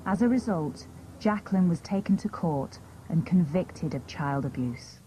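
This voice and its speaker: Female documentary narrator, warm low voice, measured scripted read, faint background hiss. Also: poor audio. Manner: measured, even delivery.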